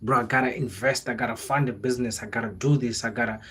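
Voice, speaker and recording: A young South African man talks quickly on a livestream in a mid-range, somewhat bright voice with fairly even intonation, and there's a little hiss or hum. A content creator, he chats casually and rambles motivationally with lots of slang, emphatic repetition and shifts into local languages.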